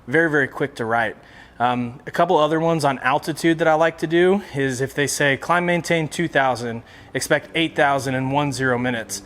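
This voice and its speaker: A man presents practical tips in a casual instructional explanation, speaking plainly and conversationally. His voice is a little high and a bit bright, and he keeps a moderate pace.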